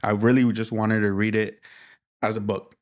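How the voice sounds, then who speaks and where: A man co-hosting a podcast, talking in a relaxed, candid way and laughing easily. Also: fairly low pitch, moderate pace. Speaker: podcast co-host. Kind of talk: casual podcast chat.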